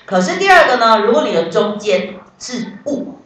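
A woman's voice: on the high side, sing-song, moderate pace, fairly bright tone. A woman English teacher, explaining vocabulary step by step and quizzing her students in class. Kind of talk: classroom lesson. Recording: very echoey classroom, voice from far off.

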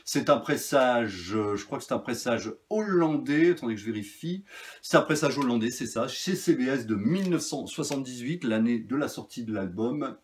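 A man's voice: mid-range voice, expressive, normal speed. A man casually reviewing his vinyl finds, chatty and rambling with many fillers and restarts. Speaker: record collector vlogger.

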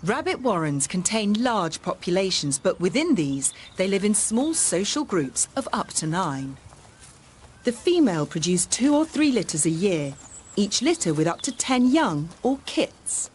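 A woman's voice: mid-range voice, big pitch swings, unhurried, darkish tone, slight background noise. A woman reading scripted narration for a nature documentary.

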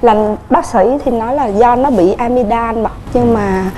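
A Southern Vietnamese woman sits as a guest in a TV studio and pours out her family story. She talks quickly and earnestly, in a voice a bit higher than most and soft and mellow in tone. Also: a little hiss or hum. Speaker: guest on a couples show. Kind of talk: emotional personal storytelling.

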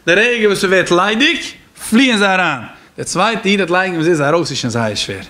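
A man with a Yiddish accent giving a Torah lecture as a rabbi, in a talmudic singsong with sudden swings in pitch. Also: animated, normal speed, sharp tone.

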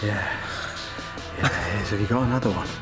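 An actor playing a hesitant, awestruck prankster in a comedy radio drama, with music underneath. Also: male voice, fairly low pitch, moderate pace, lightly acted. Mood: awed. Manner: hesitant, awed.

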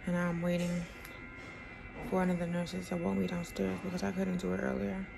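A woman's voice: lowish voice, monotone, moderate pace, creaky, over music. A young adult woman talking casually to her vlog, sounding weak and weary as she recovers from surgery, holding a phone at arm's length indoors. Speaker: vlogger. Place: small indoor rooms with bare walls. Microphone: phone held at arm's length. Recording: noisy handheld phone audio.

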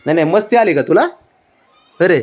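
Guy baby-talking his cat, kinda high voice, bouncy sing-song, keeps chuckling. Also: animated, a little fast, darkish tone. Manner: coaxing, teasing, repeats questions, chuckles often. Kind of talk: casual baby-talk to a pet.

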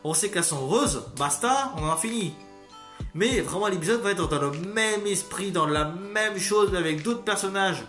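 A man giving a casual spoken review, rambling and excitable, swearing freely and bursting into loud outbursts. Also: sits high, moderate pace. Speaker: video critic. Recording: roomy echo, faint music behind.

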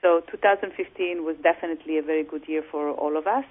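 A woman real estate broker and coach talking over the phone in an interview, measured and full of "you know" fillers. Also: sits low, fairly even intonation. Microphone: telephone. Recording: tinny phone line.

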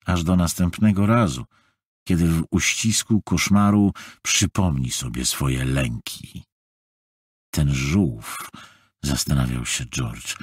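A man narrating a horror audiobook in a dramatic, studio-recorded reading that sinks soft and low at tense moments. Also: slightly rough, no room sound. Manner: dramatic, swings between soft low lows and raised tension.

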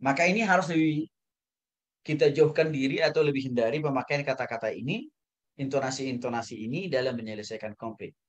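Animated male pastor lecturing with emphasis. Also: brisk. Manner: animated, often tags phrases with "ya" and "saudara"; swings between loud emphatic highs and soft low asides. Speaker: pastor teaching a Bible school class.

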